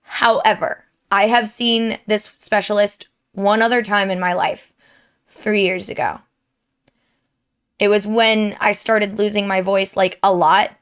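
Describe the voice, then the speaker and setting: Her voice is clear and resonant, a bit bright, with a steady tone and measured pace at medium pitch. She's a young streamer and YouTuber at her desk at home, straining through a sore throat to give viewers a sincere, rambling personal update.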